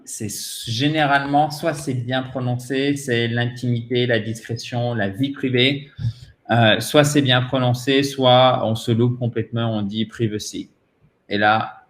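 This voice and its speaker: A man with a French accent, a native French speaker, teaching English pronunciation in a patient way and repeating words slowly for drilling. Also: mid-range voice, fairly even intonation, roomy sound. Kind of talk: pronunciation lesson.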